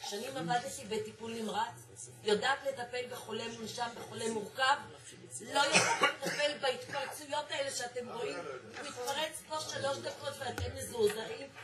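A middle-aged woman, a nurse and mother, testifying at a public hearing with a pleading, emotional appeal. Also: high-pitched. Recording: echoey room from far off with crowd.

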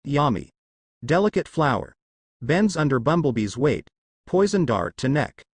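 A man's voice: mid-range voice, big pitch swings, unhurried, breathy edge, no room sound. A man voicing a strange inner voice that recites clipped haikus in a storybook reading. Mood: reciting.

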